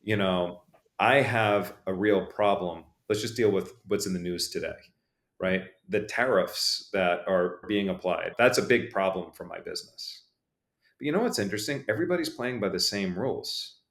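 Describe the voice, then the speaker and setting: Energetic man hosting a business podcast. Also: low-pitched, normal speed, echoey room. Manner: energetic, animated, quotes people in lively voices. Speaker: podcast host. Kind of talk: casual motivational monologue.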